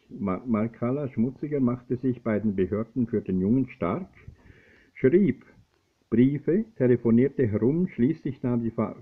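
A man's voice: mid-range voice, breathy edge. Man reading news on a tinny line. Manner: steady reading with frequent slips and restarts. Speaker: reader of a news feature. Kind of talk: reading a newspaper feature aloud. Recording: tinny phone-like lo-fi recording.

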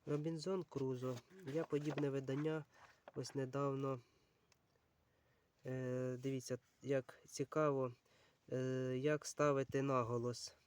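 A man's voice: mid-range voice, flat delivery, unhurried. A man casually going through a pile of books, talking unhurriedly and thinking aloud with many fillers, addressing his viewers as friends. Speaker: book channel vlogger. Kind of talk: casual browsing commentary.

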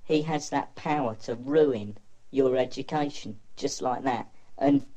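A teenage boy giving quiet, matter-of-fact interview testimony through an electronically disguised voice. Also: mid-range voice, unhurried. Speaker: anonymous pupil.

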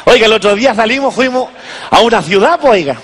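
A man's voice: high voice, lively intonation, quick pace, a bit bright, husky, heavily acted. A man playing a folksy old rural Chilean grandfather, rambling on stage with a Chilean country accent and a pet word in every line. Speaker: comedian. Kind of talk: stand-up character comedy. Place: large stage before an audience. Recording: long hall reverb.

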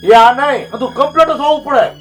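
A man's voice: very high voice, fast, faint music behind. A man playing a stern village father. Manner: scolding, curt orders. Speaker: father in a family drama. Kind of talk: village family drama acting.

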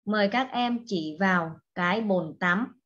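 A woman teaching an English lesson to young children, speaking slowly and patiently and repeating each word for the class to echo. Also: medium pitch, fairly bright tone, lo-fi sound. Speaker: primary school English teacher.

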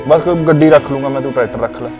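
A man's voice: medium pitch, racing, natural voice. A man acting a younger brother who is weary of the family fights and readily gives way to his elder brother. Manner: weary, accommodating. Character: younger brother fed up with daily quarrels. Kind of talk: family comedy skit acting. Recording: echoey room with music.

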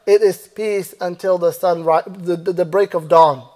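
In his thirties, an imam delivers a Friday sermon from the mosque pulpit in a high, clear voice with a steady, darkish tone, using a stand mic and a lapel mic. His preaching is measured: he recites Arabic verses rapidly, then translates them slowly. The prayer hall's long reverb trails each phrase.

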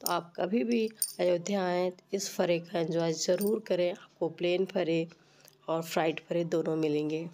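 A woman narrates a recipe tutorial step by step, informally, her voice stuffy and rough with a cold. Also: fairly low pitch, fairly even intonation, unhurried, dark tone. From Uttar Pradesh, India. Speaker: cooking channel host.

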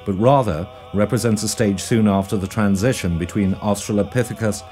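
A man narrates a documentary in a low, mellow voice. His scripted delivery is measured and formal, with music faintly underneath.

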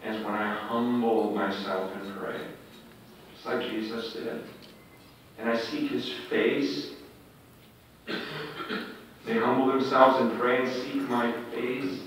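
A man's voice: mid-range voice, level tone, slow pace, pauses often, a little hiss or hum. Echoey preacher man, heard from afar. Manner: swings between loud urgent emphasis and hushed intimate tones; conversational, with fillers like "you know" and "man". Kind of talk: sermon at a prayer breakfast. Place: large event hall. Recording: echoey, distant, dull hall sound.

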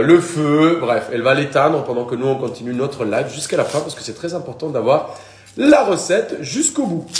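Joking Colombian-accented chef in echoey kitchen. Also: male voice, on the high side, darkish tone. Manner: chatty and joking, talks to viewers. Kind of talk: live cooking demonstration.

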